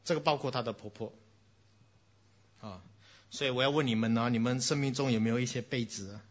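A man preaching a sermon, telling animated stories and slipping into bits of English. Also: mid-range voice, brisk. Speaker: pastor. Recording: dull, lo-fi recording.

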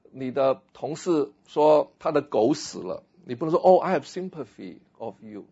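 A man, a pastor, giving a lively lecture on a philosophy text, acting out little scenes and slipping in English phrases. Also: medium pitch, creaky, slightly rough, dull audio.

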